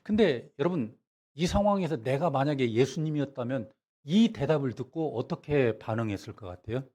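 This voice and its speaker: A middle-aged male pastor delivers a revival sermon in a lively storytelling way. He keeps turning to the congregation with questions. He drops into a soft, low voice whenever he acts out a dialogue. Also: fairly quick. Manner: animated storytelling, acting out dialogue in a hushed low voice.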